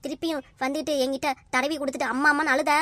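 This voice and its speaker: A woman's voice: high-pitched, flat delivery, racing, fairly bright tone. A woman voicing a stern, angry older mother who harshly scolds her daughter in a cartoon comedy. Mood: scolding.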